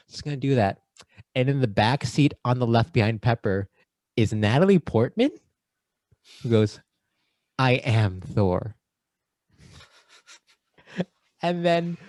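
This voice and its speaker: Guy on a movie podcast riffing goofy fixes, normal pitch, dry sound. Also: darkish tone, no echo. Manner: playful, acts out lines in quick voices. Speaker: podcast co-host. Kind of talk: casual chat.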